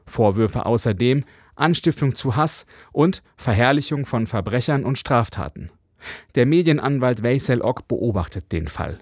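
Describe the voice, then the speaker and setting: Male correspondent, measured news read, dry booth sound, mid pitch. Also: animated, no echo. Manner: measured, clear reporting delivery. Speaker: foreign correspondent. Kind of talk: radio news report.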